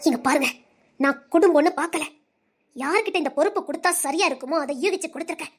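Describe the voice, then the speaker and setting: A woman playing a fast-talking defiant daughter-in-law. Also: high-pitched, natural voice. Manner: firm, curt, argumentative. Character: defiant daughter-in-law standing her ground. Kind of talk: TV serial acting.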